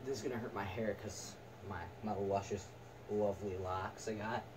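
A teenage or young adult man gives an unscripted, halting product review in short fragments, with a fairly low, steady voice. He's filming in a small attic room, and the camera sits a few metres away, so its distant mic picks up a noisy room.

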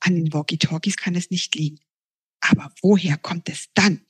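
A woman author reading her children's storybook aloud in a lively, expressive way. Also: lowish voice, normal speed, husky.

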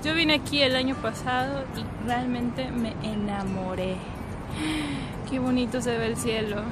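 Walking a riverside path at night, a young Ecuadorian woman, a native Spanish speaker with an Ecuadorian accent, chats and giggles to her viewers on a handheld phone or camera. Her voice is fairly high with fairly even intonation, her pace unhurried, and music plays clearly beneath her.

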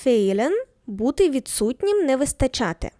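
A woman teaching a German lesson, reading each example sentence slowly twice and then translating it. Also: high voice, very animated, mellow, no room sound, studio quality. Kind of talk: scripted language lesson.

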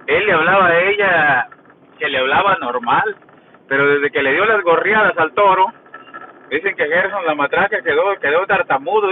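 Crude, joking Mexican man vlogging. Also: a little high. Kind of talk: casual gossip monologue. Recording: tinny phone-like sound with faint noise.

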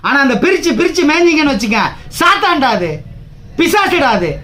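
A man's voice: extremely high pitch, very animated, a little fast, pushed and bright. A man from Tamil Nadu, a trade union leader, giving an angry political speech, combative and taunting, firing rhetorical questions.

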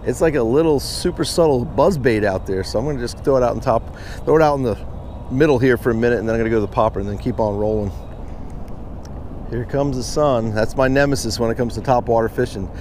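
Talking fast in a darkish, mid-range voice with a little hiss or hum, this American fishing vlogger in his thirties or forties chats with viewers outdoors by a pond. His commentary is informal, and he calls them "guys."

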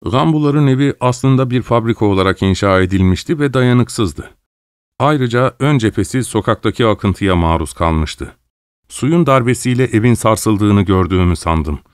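A man reading an audiobook in a measured, dramatic storytelling manner. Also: fairly low pitch, animated, clean tone, no room sound, clean studio sound. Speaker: audiobook narrator. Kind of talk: scripted audiobook narration.

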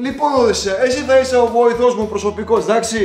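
A man's voice: very high-pitched, darkish tone, echoey room. A man acting a spoiled, bossy celebrity in a comedy sketch, giving orders to his helpers. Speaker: channel host playing a spoiled celebrity.

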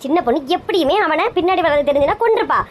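A woman's voice: sits high, expressive, very fast. A woman with a Kanyakumari Tamil accent playing a bossy, protective elder sister in a comedy skit, scolding and urgent.

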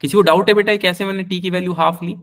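A young man teaching physics in a live online class, with a slightly high voice. He talks in a chatty, fatherly way, mixing in terms. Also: fairly even intonation, racing, a bit bright. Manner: chatty, calls students beta, answers their questions.

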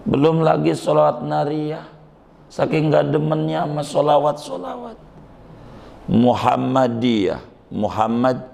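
Male preacher, unhurried and gravelly, faint hiss behind. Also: fairly high pitch, a little mellow. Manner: conversational, teasing, rhetorical questions. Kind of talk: sermon. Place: mosque.

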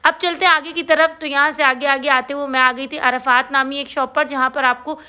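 A woman's voice: high voice, fairly even intonation, brisk, sharp tone. A woman from Pakistan with a Karachi Urdu accent narrating a shopping tour in a chatty, enthusiastic voice-over, listing prices. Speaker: shopping vlogger.

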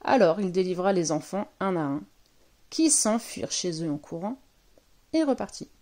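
A woman reading a children's story aloud at home on her sofa, with lively, expressive storytelling. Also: lowish voice, normal speed.

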